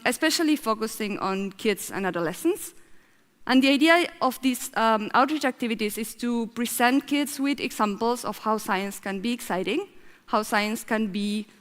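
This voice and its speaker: A woman from Argentina who heads a science nonprofit gives an earnest, explanatory conference talk at a measured pace. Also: on the high side, a bit bright. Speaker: festival speaker, head of a science nonprofit. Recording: long hall reverb.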